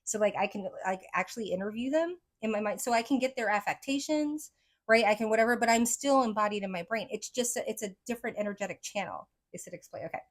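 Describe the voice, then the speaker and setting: A woman's voice: medium pitch, quick pace. A woman psychic reader talking casually to her viewers, rambling with lots of "like" and "right?", her speech a mix of accents she picked up from many places.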